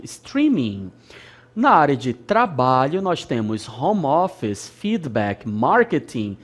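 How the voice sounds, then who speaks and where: An English teacher from Brazil with an Amazonas accent, giving a recorded lesson, repeating key words and checking in with "ok?" along the way. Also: medium pitch. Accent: Brazilian Portuguese, Amazonas. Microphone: studio lesson recording.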